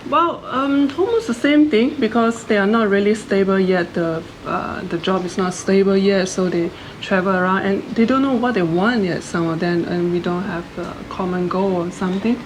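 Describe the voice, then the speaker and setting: A woman's voice: medium pitch, moderate pace, hardly any pauses. A woman in her thirties from Malaysia, telling her story in a casual, chatty way with phrasing. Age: 30s. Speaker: co-host. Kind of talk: casual chat. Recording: noisy background hiss.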